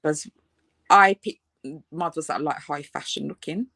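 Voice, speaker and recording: A woman in her late thirties from the United Kingdom talks casually about her designs in an interview. Her voice sits low, with a dry, close sound. She rambles a little, with fillers and easy laughter. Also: normal speed, gravelly, pushed and bright, dry recording. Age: 30s. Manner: chatty, lots of fillers, laughs often. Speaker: fashion designer.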